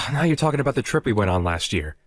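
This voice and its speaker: A man's voice: medium pitch, sing-song, fast talker, dry recording. A man voicing Justin, a young husband who argues defensively and indignantly in a dramatized chat story.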